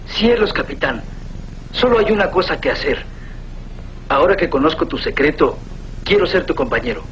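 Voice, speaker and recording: Bucky, eager high-voiced boyish sidekick. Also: male voice, sing-song, moderate pace, fairly bright tone, a little hiss or hum. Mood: eager, surprised. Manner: eager, exclamatory, respectful. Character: eager, earnest boyish teenage male sidekick. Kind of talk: dubbed superhero cartoon acting. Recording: dull lo-fi soundtrack with music.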